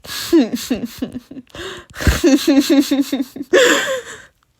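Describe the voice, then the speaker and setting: A young woman with a fairly high voice giving casual commentary while reading out a chatbot story. She breaks into laughter often and scolds the characters, talking back to what she reads. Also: sing-song, extremely slow. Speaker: video creator reading an AI chat. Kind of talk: casual commentary over a chat read-aloud.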